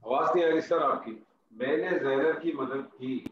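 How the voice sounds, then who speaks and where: A male Arabic grammar teacher giving an online class, patiently drilling students with repeated example sentences. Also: fairly high pitch. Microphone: online call audio. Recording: dull roomy call audio with faint noise.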